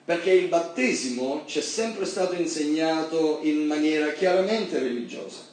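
A man preaching a sermon in an animated way, reading scripture and breaking into high emphatic bursts. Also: moderate pace. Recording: very echoey hall, mic far off, faint background noise.

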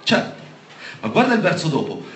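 A man preaching a sermon, reading Bible passages aloud and stressing the key words with emphatic, animated delivery. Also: medium pitch, normal speed. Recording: echoey room with faint background noise.

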